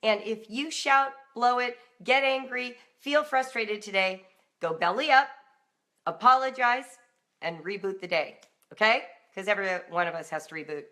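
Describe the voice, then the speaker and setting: This woman's voice runs on the high side, with a sharp tone and normal speed. A middle-aged American parenting and homeschool coach hosting a live broadcast, she talks informally, directly and emphatically to parents as if they were conversing.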